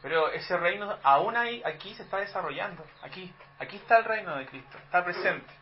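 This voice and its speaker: A man's voice: high voice, animated, fairly quick, highs cut off, slight background noise. A Chilean man preaching a sermon in a conversational teaching manner, asking the congregation rhetorical questions. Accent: Chilean Spanish. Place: church hall.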